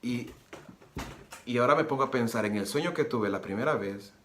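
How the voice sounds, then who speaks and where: With a mid-range voice that runs a little fast, a man from Nicaragua earnestly recounts his religious testimony, repeating phrases and performing the dialogue. Soft guitar plays in a roomy, echoing space, and there's a little hiss or hum.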